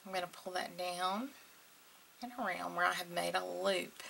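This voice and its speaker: A woman hosting a casual craft tutorial with a gravelly voice and a slightly sore throat, murmuring unhurriedly as she works. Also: on the low side, fairly even intonation, moderate pace, bright, forceful tone, slight background noise. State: slightly sore throat, clearing it now and then. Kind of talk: casual hands-on craft tutorial, talking while working.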